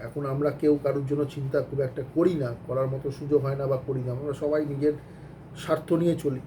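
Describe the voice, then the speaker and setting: Man teaching accounts, fairly high and warm, earnest and rambling, mixing in English. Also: flat delivery, fast talker, a little hiss or hum. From Bengal. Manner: rambling, earnest advice with many restarts and English phrases. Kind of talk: casual spoken lesson to students.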